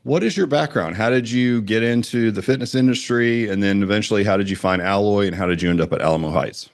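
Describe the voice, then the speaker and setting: A man's voice: fairly low pitch, quick pace. A man hosting a podcast, upbeat and chummy, laughing often with his guest. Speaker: podcast host. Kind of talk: casual podcast interview.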